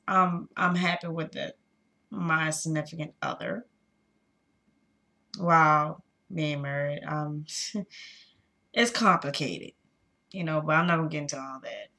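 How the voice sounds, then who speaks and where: A woman in her thirties talks to her viewers in a personal, confessional vlog. She speaks slowly in a low, bright, pointed voice, pausing often and filling gaps with little hesitations. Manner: halting, with many pauses and fillers; candid, addressing viewers directly. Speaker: vlogger.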